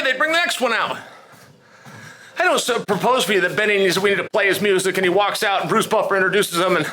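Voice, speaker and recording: A man's voice: very high voice, bright, forceful tone. An American man giving opinion commentary to viewers, speaking emphatically and repeating phrases for effect. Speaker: sports commentator.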